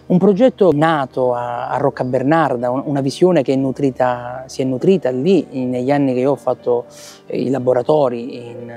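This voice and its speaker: A man's voice: on the high side, warm tone. A man, earnestly presenting his theatre project outdoors at night, with many fillers and restarts. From Italy. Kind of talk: promotional interview. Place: outdoor town square at night. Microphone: lapel mic.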